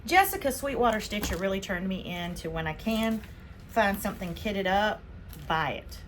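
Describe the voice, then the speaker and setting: A woman from Spain hosting a casual haul vlog, chatting excitedly as she unboxes her purchases. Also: medium pitch, moderate pace, slight background noise. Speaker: vlog host.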